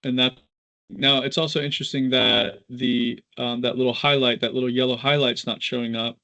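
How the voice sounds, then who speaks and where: A man instructor giving a casual live software tutorial, informal and halting as he thinks aloud. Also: medium pitch, fairly even intonation, lo-fi sound.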